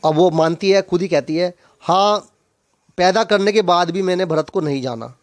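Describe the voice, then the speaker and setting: A male teacher explaining a Hindi poem line by line, reciting verses and then repeating key phrases to make them clear. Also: sits high, moderate pace, no echo. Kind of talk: poetry lesson explanation.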